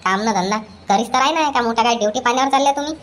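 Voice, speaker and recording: With a voice a little on the high side and a lightly acted delivery, a woman gives a cartoon comedy its nagging old mother-in-law, scolding in a rapid-fire rant.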